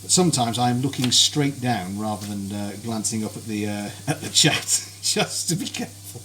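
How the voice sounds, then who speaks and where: A cooking streamer with a lowish, expressive voice and a bright, forceful tone talks at a moderate pace as he cooks live in his home kitchen. He's cheerful and polite, greeting viewers by name over kitchen noise and sizzling frying.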